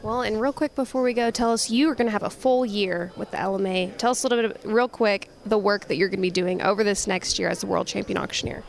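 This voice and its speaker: American lady interviewing a guest on a show, upbeat, lots of creak in her voice. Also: medium pitch, fast talker, few pauses. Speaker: show host. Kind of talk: broadcast interviewing.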